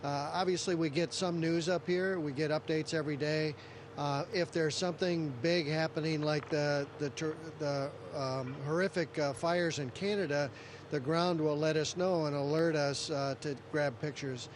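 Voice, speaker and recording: A man speaking as an astronaut, explaining in an interview from a space station, somewhat halting as he searches for words. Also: fairly high pitch. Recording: steady hum of spacecraft machinery.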